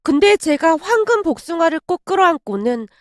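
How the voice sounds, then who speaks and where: High, lively woman telling a story. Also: brisk, no room sound, studio quality. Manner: chatty, confiding. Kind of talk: first-person story narration.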